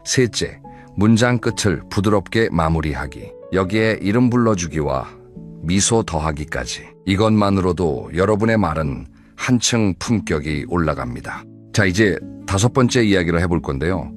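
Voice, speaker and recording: Male narrator with a very low voice. Calm, measured advice read from a script. Faint music underneath. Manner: calm, measured and advising, speaking directly to the listener. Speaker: narrator of advice videos for older listeners.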